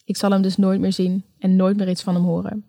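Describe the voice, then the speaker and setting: A woman narrating a first-person erotic story slowly and sensually, in an intimate, close tone. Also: mid-range voice, little pitch movement, vocal fry, warm tone, no room sound. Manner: slow, sensual, intimate delivery.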